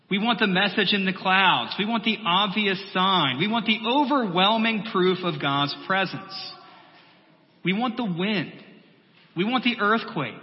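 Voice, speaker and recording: A male pastor delivering a measured sermon, building through repeated phrases and dropping to a soft, quiet voice. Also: high voice. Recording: long hall reverb, muffled sound.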